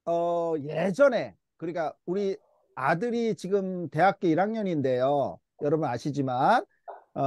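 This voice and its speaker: High-voiced, lively man teaching English. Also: dry recording, clean studio sound. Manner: patient, coaxing, repeats words for the class. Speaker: English Bible class teacher. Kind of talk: church English lesson, call-and-response drills. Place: church classroom.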